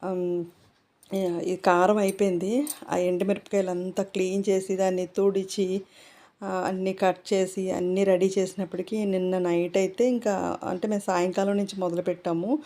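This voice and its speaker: A woman's voice: on the low side, flat delivery, normal speed, warm tone. A middle-aged woman vlogger chatting casually to her viewers, rambling with many fillers. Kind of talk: casual chat.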